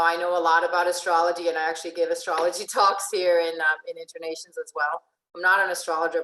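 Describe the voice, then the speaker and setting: A woman raised in Venezuela, with a fairly low, fairly bright voice, gives an informal online presentation as a life and relationship coach. In an echoey room, she chats casually, often restarting sentences and asking "right?" to check in.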